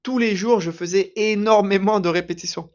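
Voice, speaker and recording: A man teaching through a slow, emphatic story for learners, repeating his phrases deliberately. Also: high-pitched, darkish tone, lo-fi sound. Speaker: French teacher.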